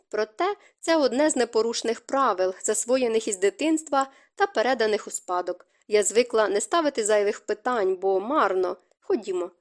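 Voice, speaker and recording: A woman voicing a lively, kind-hearted young lady in an audiobook, speaking earnestly and a little teasingly. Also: mid-range voice, lightly acted.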